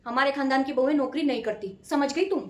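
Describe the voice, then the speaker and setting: A bossy middle-aged mother-in-law, played by a woman in a short comedy skit, scolding and commanding. The voice sits high for a woman and carries an echo from the room it was recorded in. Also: fast, natural voice. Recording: echoey room.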